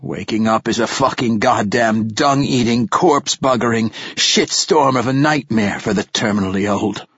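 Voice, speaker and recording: A man voicing a cranky, foul-mouthed ancient male poet who mumbles and curses in a raspy voice. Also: medium pitch, normal speed, hardly any pauses, a bit bright, no echo, muffled recording. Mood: grumpy. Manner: coarse, grumbling curses.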